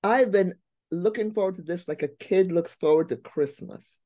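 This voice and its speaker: An older woman from Barbados, a guest on a radio interview, telling her story in a lively, humorous way. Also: lowish voice, moderate pace, no echo. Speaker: guest, brain and behavior coach.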